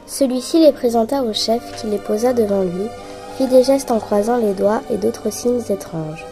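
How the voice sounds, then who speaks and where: A woman's voice: fairly high pitch, moderate pace, mellow, soft background music. Woman reading a children's adventure story. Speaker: narrator.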